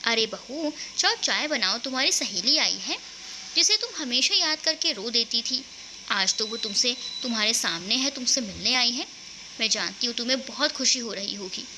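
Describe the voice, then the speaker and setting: A woman's voice: fairly high pitch, expressive, normal speed, background noise, lightly acted. A woman playing a kindly older mother-in-law. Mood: fond. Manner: affectionate, gently commanding.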